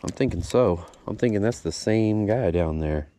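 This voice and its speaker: A man's voice: moderate pace, mellow. A man, giving casual, upbeat commentary from a boat while fishing, recorded on an action camera outdoors. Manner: laid-back, upbeat, says "boom" a lot. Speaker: fishing channel host.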